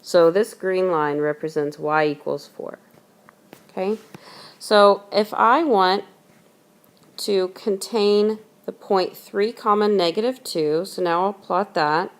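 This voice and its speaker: A woman tutor explains a math lesson step by step in a steady, methodical way. She slows down and repeats the important rules so listeners can take notes. Her voice sits at an ordinary middle pitch. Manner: patient, methodical explaining, repeats key points slowly.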